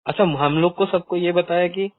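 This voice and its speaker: A man's voice: sits high, steady tone, normal speed. A man on a phone call who mostly listens and agrees with short murmurs, then speaks up in a plain conversational way. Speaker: caller. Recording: tinny dry phone line.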